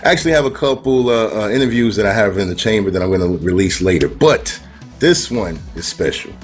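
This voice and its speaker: A middle-aged man hosting a casual interview over a video call with a headset, loose and upbeat, often chiming in with quick agreement. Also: on the low side, expressive, soft background music. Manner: upbeat, loose, affirming with 'right, right'. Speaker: host. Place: home room, indoors.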